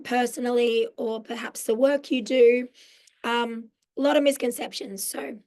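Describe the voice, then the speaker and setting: Teaching mindfulness in a live online workshop via video call, a mental health social worker in her forties speaks with an Australian accent and a croaky, hoarse voice from having lost it. The voice is fairly high and a little mellow, and her friendly explanations are dotted with "um" fillers.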